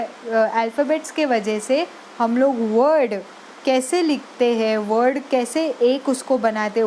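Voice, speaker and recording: Slow, patient high-voiced woman teacher. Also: darkish tone, a little hiss or hum, poor audio. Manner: patient, spells out syllables slowly, mixes English words into Hindi. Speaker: Sanskrit teacher. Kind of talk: online lesson.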